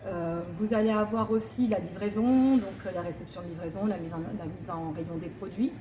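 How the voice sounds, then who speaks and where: A woman's voice: medium pitch, normal speed, crowd noise. Woman in her forties, echoey room. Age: 40s. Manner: hesitant, many fillers. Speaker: store manager. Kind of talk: corporate job interview testimony.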